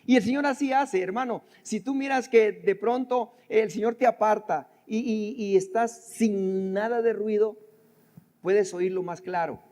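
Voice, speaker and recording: An older man leads a sermon in a church. His voice sits high for a man and carries long reverb from the sanctuary. He speaks in a conversational way, addresses his listeners directly and repeats phrases. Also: a little slow, darkish tone. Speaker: pastor.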